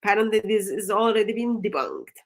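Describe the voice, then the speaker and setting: A native Turkish speaker with a Turkish accent hosts a religious discussion show, speaking deliberately and emphatically and leaning on repeated phrases. Her medium-pitched voice is expressive, in a live discussion that includes evangelistic exhortation.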